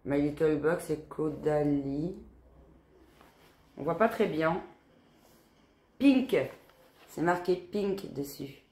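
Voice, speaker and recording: Speaking slowly with long pauses, a beauty-box vlogger in her forties talks informally to camera, peppering her speech with "quoi" and "hein." Her voice is low, stuffed-up and nasal with a smoker's roughness, and she sounds tired. The room echoes noticeably.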